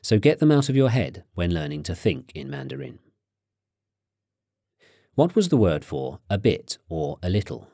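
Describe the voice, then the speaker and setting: Low-voiced man prompting language drills. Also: big pitch swings, normal speed, pauses often, warm tone, no room sound, clean studio sound. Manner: prompting questions, clear explanatory tone. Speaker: course narrator and teacher. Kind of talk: scripted instructional narration.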